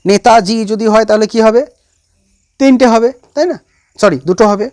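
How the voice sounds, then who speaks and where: High-voiced science teacher lecturing. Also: male voice, moderate pace, darkish tone. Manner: repeats key points and quizzes students. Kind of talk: classroom lecture.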